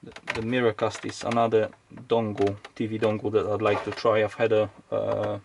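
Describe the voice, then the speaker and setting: Thinking aloud at an indoor home workbench, the man, probably middle-aged, gives a casual, unscripted teardown narration as an electronics hobbyist making a video. His creaky, lowish voice stays completely flat at a moderate pace. There's faint background noise with clicks.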